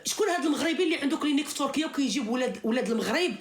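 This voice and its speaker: A woman's voice: high voice, expressive, very fast. A woman with a Moroccan accent venting in heated informal live chat, insistently repeating her phrases for emphasis. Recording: roomy, echoing sound.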